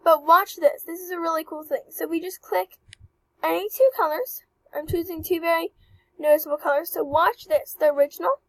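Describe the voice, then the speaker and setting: A young woman chatting excitedly through a walkthrough of an avatar creator, with apologetic asides. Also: very high-pitched, brisk, no echo, poor audio. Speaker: channel host reviewing avatar creators. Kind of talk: casual screen-recording walkthrough.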